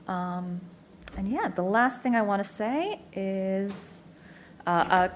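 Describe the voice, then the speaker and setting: An Australian woman giving a clear, informative conference presentation as a neuropsychologist, with frequent ums. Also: lowish voice, a little hiss or hum. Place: community information day presentation.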